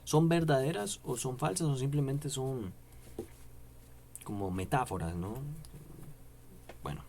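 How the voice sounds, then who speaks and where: Man, casual philosophy lecture, mid pitch, rambling, tag questions, faint hiss behind. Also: takes it slowly, vocal fry, long pauses. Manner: rambling, animated, many tag questions and repeated no's. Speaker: philosophy YouTuber. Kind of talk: casual explanatory lecture to camera.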